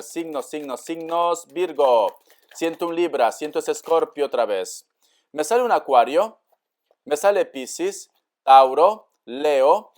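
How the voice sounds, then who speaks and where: Male tarot reader, fairly high voice, intimate and reassuring, spiritual pep-talk delivery. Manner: warm, coaxing, calls the listener "cariño"; acts out the listener's doubts in quotes. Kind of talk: tarot reading to camera.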